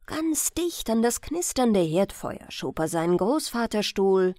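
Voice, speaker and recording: A woman reading a bedtime storybook aloud in a slow, gentle storytelling manner on a close mic. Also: mid-range voice, no room sound. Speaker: audiobook reader.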